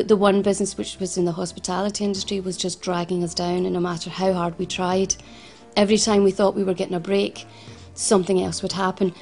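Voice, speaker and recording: This is a Scottish woman in her forties from Glasgow, founder of a financial advice service, earnestly giving personal testimony in an interview with frequent restarts and repetitions. Her voice is medium-pitched with a darkish tone.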